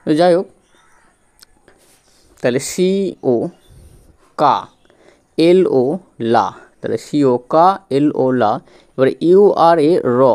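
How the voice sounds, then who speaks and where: A man's voice: on the high side, darkish tone. A man teaching English reading step by step, spelling words letter by letter and quizzing his students as he goes. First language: Bengali. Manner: patient, repetitive, spells out letters and quizzes the viewer.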